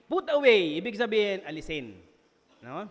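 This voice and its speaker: A Filipino man preaching a sermon in a church, lively and joking, laughing at himself and often checking in with his listeners. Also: sits high, moderate pace. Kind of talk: sermon mixing Tagalog and English. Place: church hall. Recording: long reverb of a church hall.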